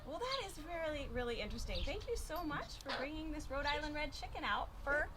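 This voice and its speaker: A woman's voice: high-pitched, lively intonation, fairly quick, heavy background noise. A woman presenting to children as a kids show host, exclaiming and asking simple questions of her young viewers.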